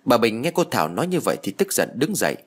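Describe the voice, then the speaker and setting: A man narrating a dramatic village story in an expressive, vivid way. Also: mid-range voice, fast talker, breathy edge.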